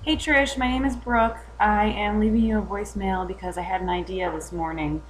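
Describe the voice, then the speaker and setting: A woman's voice: medium pitch, steady tone, a little fast, a little hiss or hum, low-quality recording. A woman leaving a friendly, slightly hesitant voicemail for a show host, played back as a voicemail message. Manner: friendly, a bit hesitant with fillers. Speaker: listener calling in. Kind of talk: casual spoken voicemail.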